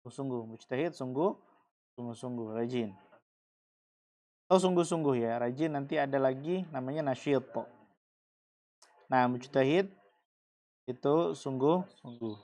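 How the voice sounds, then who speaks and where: Slow, patient male language teacher. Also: medium pitch, darkish tone. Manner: slow, repeats and explains each word patiently. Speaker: Arabic teacher. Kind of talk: classroom language lesson.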